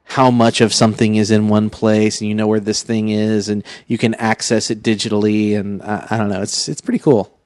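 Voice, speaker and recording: Man, low voice, earnest, rambling chatter, dry close mic. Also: little pitch movement, a little fast, a little mellow, no room sound. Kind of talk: casual chat.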